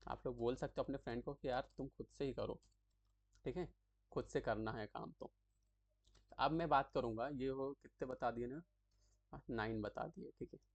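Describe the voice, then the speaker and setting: A man's voice: mid-range voice, no room sound, muffled recording. Chatty man explaining terms, dry sound. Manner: chatty, repeats terms slowly, frequent "thik hai" check-ins. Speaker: tutorial creator explaining acronyms. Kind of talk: casual explanatory lesson.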